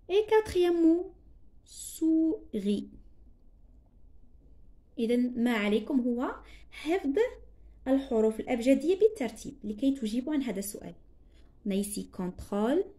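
A woman teacher with a Moroccan accent slowly explains a primary school lesson, spelling out letters and translating words along the way. Her voice is a little high and mellow.

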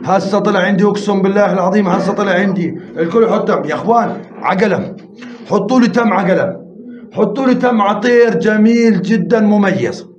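A man hosting a live pigeon auction, rapidly counting bids and urging viewers to join in. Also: high-pitched. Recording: roomy, slightly dull live-stream audio with faint noise.

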